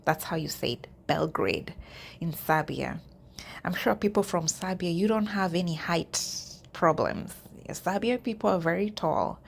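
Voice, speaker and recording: A woman vlogger with a lowish, gravelly voice chats straight to her viewers. Her talk is casual and direct as she walks through listings. A faint hiss of noise sits under the recording. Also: moderate pace. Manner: chatty, addresses viewers directly. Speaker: YouTube vlogger. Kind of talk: casual walkthrough of job listings.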